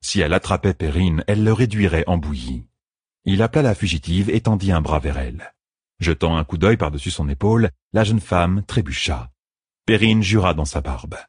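A man reading a fantasy audiobook in a measured, expressive way. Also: deep voice, slightly rough, dry recording, clean studio sound. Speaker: audiobook narrator. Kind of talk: scripted fantasy narration.

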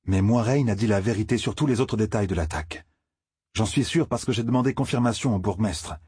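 Guy doing a worried earnest young farm lad, a bit above his husky reading voice. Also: lowish voice, brisk, darkish tone, dry recording, studio quality. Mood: uneasy.

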